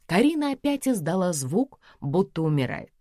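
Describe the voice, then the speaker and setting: A woman narrating a story in the first person, telling it in a lively, expressive way. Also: fairly low pitch, moderate pace, no echo, studio quality.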